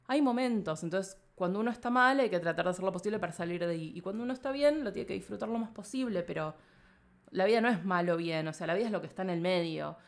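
A woman with an Argentine accent, a guest in an interview, talking casually and reflectively. She rambles and thinks aloud, leaning on filler phrases, and laughs now and then. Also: lowish voice. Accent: Argentine Spanish.

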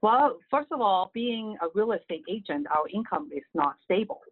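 A middle-aged woman from Hong Kong, a native Cantonese speaker, answers casual interview questions as a guest; she's a real estate agent. Her mid-range voice is animated and slightly rough at a normal speed, earnest and full of "you know" fillers. The phone audio sounds tinny and dry.

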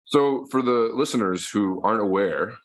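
Deep-voiced Midwestern podcast host. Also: male voice, normal speed. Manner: easygoing, encouraging interviewer. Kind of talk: casual interview chat.

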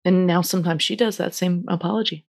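A middle-aged woman co-hosting a relationship podcast, telling stories gently and affirming often. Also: on the low side, steady tone, quick pace, gravelly. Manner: gentle, storytelling, affirming with many mm-hmms. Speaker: podcast co-host. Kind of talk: casual chat about relationships.

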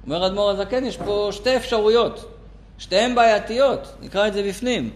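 A man teaching a lesson to a live class, telling a story animatedly, his voice jumping up for emphasis. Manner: animated, pitch jumps up for emphasis. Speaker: Torah teacher.

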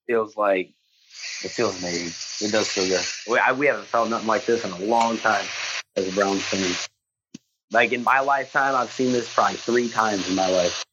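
A man's voice: fairly low pitch, fairly bright tone, slight background noise. A man on a video call, a football fan talking bluntly and swearing freely in a casual interview, his audio sometimes breaking up. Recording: dull lo-fi video call line.

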